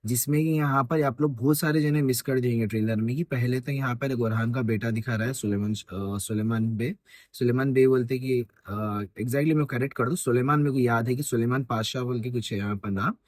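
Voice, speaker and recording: A man's voice: medium pitch, brisk, darkish tone, no echo, clean studio sound. A man casually breaking down a TV trailer, rambling and correcting himself with many fillers. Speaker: YouTube host.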